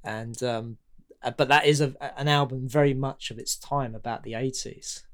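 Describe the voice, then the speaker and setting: A man's voice: medium pitch, steady tone, normal speed. A man in casual chat about a film, hesitant and full of restarts, laughing often. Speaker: podcast guest discussing a film.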